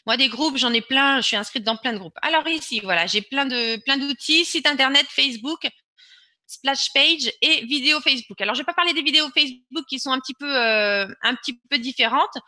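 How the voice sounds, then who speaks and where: A woman's voice: high-pitched, fairly quick, sharp tone, dry recording. A woman presenting an online webinar and walking viewers through a screen-share demo, urging them on and repeating words for emphasis.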